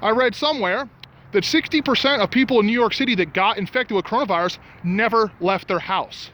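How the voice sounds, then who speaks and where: A man's voice: high-pitched, fairly quick, fairly bright tone. A man ranting in a casual vlog, getting worked up and angry, recorded outdoors at night by some restaurants. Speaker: vlogger.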